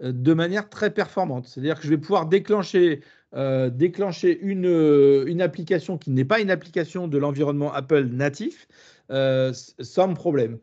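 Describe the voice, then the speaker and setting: A man with a southern French accent runs a live webinar demonstration, slightly high-voiced. He talks hesitantly, with many fillers and restarts. The audio sounds a little muffled. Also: normal speed, a little mellow. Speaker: webinar trainer.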